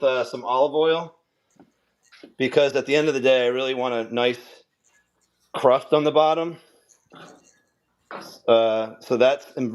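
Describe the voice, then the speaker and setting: A man's voice: mid-range voice, clean tone, highs cut off. A man with a Rhode Island accent hosting a casual livestream from his home kitchen, explaining his pizza-making step by step with many restarts. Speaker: livestream host cooking pizza. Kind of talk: casual livestream chat while cooking. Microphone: camera on a handheld gimbal.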